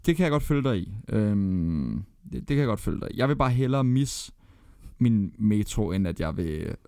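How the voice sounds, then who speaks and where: Gravelly blunt Danish man. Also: lowish voice, big pitch swings, a little mellow, no room sound, clean studio sound. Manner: blunt, swears casually, counts down a ranked list. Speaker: podcast co-host. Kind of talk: casual chat.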